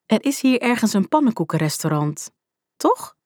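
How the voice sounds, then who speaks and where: A woman's voice: on the high side, big pitch swings, normal speed, darkish tone, no room sound, clean studio sound, voice pushed up. Woman doing an eager teenage boy. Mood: unsure. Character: excitable teenage boy, sprinkles in English words.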